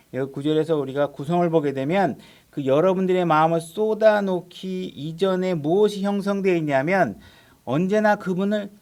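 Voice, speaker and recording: A man's voice: high-pitched, darkish tone. A man preaching a sermon as pastor, in a conversational way with frequent rhetorical questions to the congregation. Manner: acts out quoted prayers and voices of God in his own voice.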